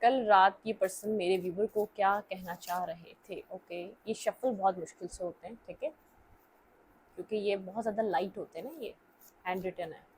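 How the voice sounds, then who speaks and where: A faint hiss or hum runs under this young woman's mid-range voice, delivered at a moderate pace. Doing a relaxed tarot reading for viewers, she talks things through at length, blends English words in, and repeatedly checks in with "okay" and "theek hai."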